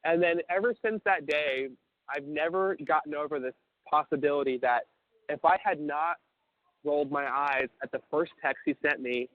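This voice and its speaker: Young man, fairly high voice, tinny prison phone line, casual storytelling, swears a lot, repeats words. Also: normal speed, no room sound. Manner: profane, stammering restarts, acts out quoted voices. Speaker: caller telling a story.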